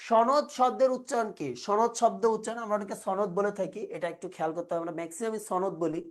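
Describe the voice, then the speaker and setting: A woman teaching an exam-prep lesson, asking questions and answering them herself step by step. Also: mid-range voice. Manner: explains step by step, asks and answers own questions.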